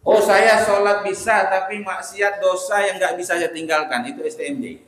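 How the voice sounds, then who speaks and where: A man's voice: sits high, fairly even intonation, normal speed, fairly bright tone. A man preaching a sermon in a mosque, talking conversationally and putting questions straight to the congregation. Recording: very echoey mosque hall.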